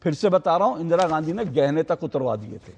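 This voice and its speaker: Male debate anchor, high-pitched, combative, repetitive jabs; reverberant studio sound. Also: sing-song, a little fast, a little mellow, slightly rough. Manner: combative, repeats taunts over and over. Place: TV news studio.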